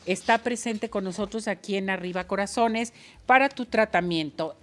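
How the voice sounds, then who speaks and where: A woman hosting a show, delivering live promotional reads and introducing segments. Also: mid-range voice. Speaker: show host.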